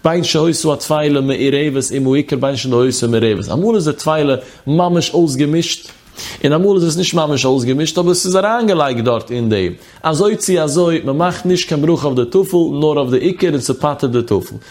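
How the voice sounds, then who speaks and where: Chanting in a sing-song study style, a male religious teacher reads phrases aloud and then explains them during a text study lesson. His voice is a little high and a little mellow, and he talks fairly quickly.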